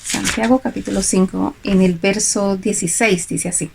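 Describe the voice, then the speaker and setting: A middle-aged woman teaches from the Bible in an earnest sermon, illustrating her points with everyday examples. Her voice carries a gravelly edge with touches of vocal fry at a mid-range pitch. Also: fairly even intonation, normal speed, noisy background. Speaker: preacher.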